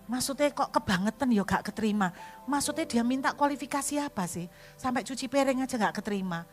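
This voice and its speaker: A middle-aged woman pastor from Indonesia, preaching a sermon as lively storytelling and acting out the dialogue. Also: fairly high pitch, fast talker, faint music behind.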